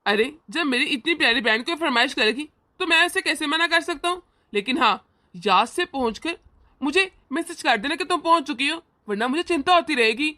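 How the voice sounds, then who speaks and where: A woman voicing a kind, indulgent young brother in an animated family cartoon, speaking gently and reassuringly. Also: high-pitched, fairly quick.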